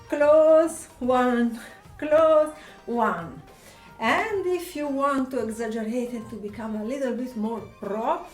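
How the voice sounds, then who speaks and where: A woman with an Italian accent, whose first language is Italian, teaches a belly dance lesson and calls out counts and step cues as she dances. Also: a little high. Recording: echoey room, distant mic, faint music.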